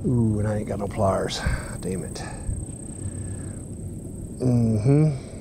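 Outdoor wind noise fills the recording from a head-mounted action camera worn by a young fishing vlogger on a grassy pond bank. Speaking with a Kentucky accent in a fairly low, creaky voice, very slowly, he offers a loose running commentary aimed at himself and his viewers.

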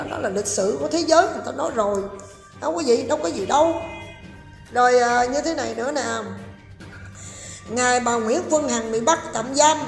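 Sarcastic, scolding woman. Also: on the high side. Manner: sarcastic, scolding, addresses viewers directly. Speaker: online commentator. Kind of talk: scolding commentary vlog. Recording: echoey room with long reverb and faint music.

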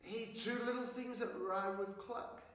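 A very reverberant, slightly distant stage recording with faint noise. A man plays a brash, weary bingo caller with a fairly high voice. He draws out his comic calls and pauses before each number. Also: fairly even intonation. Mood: deadpan calling. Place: small stage with curtains, indoors. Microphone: handheld microphone, recorded from a distant camera.

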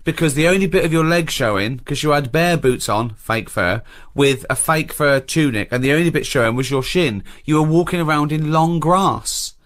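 A man's voice: on the high side, normal speed, hardly any pauses, fairly bright tone. A man in casual chat, teasing and interrupting a friend with mocking questions.

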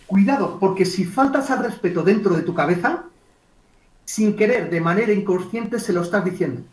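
A man gives a lively online communication workshop, acting out client dialogues and speaking to participants by name. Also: high voice, moderate pace. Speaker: communication trainer. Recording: echoey room, distant mic.

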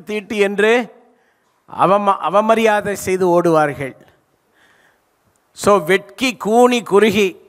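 An older male pastor from South India preaches a sermon on a large church stage, his high-pitched, slightly bright voice carried by a handheld mic. He stretches key words and calls for answers from the congregation, with live church hall reverb around him.

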